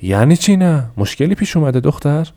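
A man's voice: on the low side, sing-song, dark tone. A man voicing an agitated middle-aged shopkeeper father who scolds his daughter in a raised, insistent voice. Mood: alarmed.

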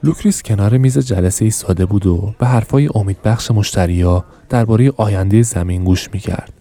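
A man narrating a novel aloud for a podcast with a steady, even reading. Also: lowish voice. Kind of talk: audiobook narration.

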